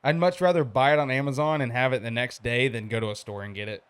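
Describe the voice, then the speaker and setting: A man's voice: mid-range voice, fairly even intonation, quick pace, smooth. A young man gives casual live-stream commentary on a college football game, laughing often and reacting to chat. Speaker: gaming streamer.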